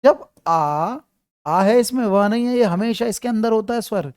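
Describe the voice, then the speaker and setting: A man's voice: high voice, lively intonation, moderate pace, a little mellow, dry recording, clean studio sound. A man teaching an online grammar class, quizzing his students and repeating his questions.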